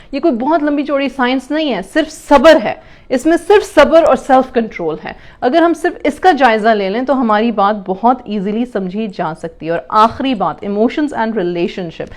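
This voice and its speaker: A woman explaining communication to parents, mixing in English terms and acting out example lines. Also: fairly high pitch.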